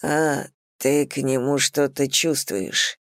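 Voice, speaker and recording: Female narrator doing a brooding young man: low, soft, simmering. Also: fairly even intonation, takes it slowly, vocal fry, no room sound, studio quality, heavily acted. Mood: grim. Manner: low, hushed, brooding delivery. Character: passionate young man, intense lover, quick to anger.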